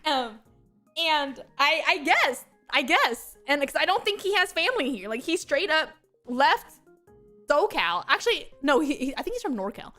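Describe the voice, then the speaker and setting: A young woman with a notably high voice, chatting on stream in a loose, rambling way and giggling often. Soft music plays faintly behind her. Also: very animated, moderate pace. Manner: rambling and giggly, with frequent laughs and filler words. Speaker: VTuber streamer. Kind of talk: casual chat stream, storytelling.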